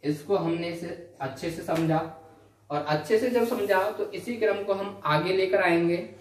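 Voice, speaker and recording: A man teaching Hindi grammar in a classroom lecture. He asks questions, answers them himself, and draws out each letter sound slowly. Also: high-pitched, slight background noise. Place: coaching centre classroom. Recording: echoey classroom, voice from far off.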